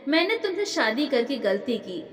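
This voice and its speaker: A woman's voice: sits high, very animated, moderate pace. A woman voicing a harsh, abusive young husband who scolds with contempt. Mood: angry. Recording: roomy echo with long reverb.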